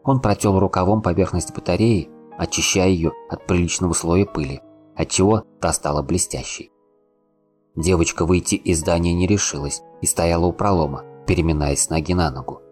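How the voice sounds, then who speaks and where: A man narrating an audiobook in a calm, unhurried reading. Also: sits low, faint music behind. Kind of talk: scripted narration.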